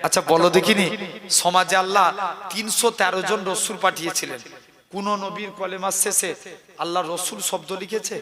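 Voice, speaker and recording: A high-pitched man delivers a sermon at a crowded religious gathering. He calls out to the crowd directly and falls into a rhythmic, chanting cadence. The crowd is loud behind him. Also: fairly even intonation, fairly quick, in a large hall. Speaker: preacher.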